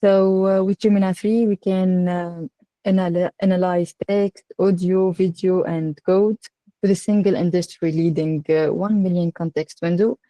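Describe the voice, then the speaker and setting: A woman with a North African accent from Tunisia leads an online workshop. Her voice is slightly low and mellow. She speaks haltingly, pausing often on fillers, and the sound is dry and close. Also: fairly even intonation, no room sound, rough recording. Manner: halting, with frequent filled pauses. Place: online video call.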